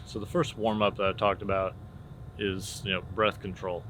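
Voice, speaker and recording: A man talking as a casual drama teacher, informally explaining and demonstrating theater warm-up exercises. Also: low voice, normal speed. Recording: clear steady background noise.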